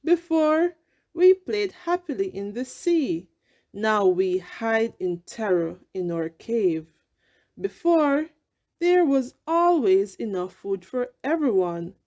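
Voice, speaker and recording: A woman's voice: a little high, sing-song, slow, darkish tone. A woman voicing an earnest, peace-seeking male storybook fish with a pleading manner. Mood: exasperated, resolute.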